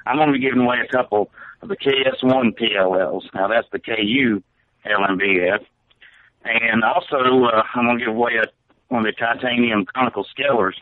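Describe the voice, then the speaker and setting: A man's voice: medium pitch, a little fast. A man co-hosting a call-in radio show, talking loosely with fillers as he reads out numbers and prizes. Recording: phone-like narrow line.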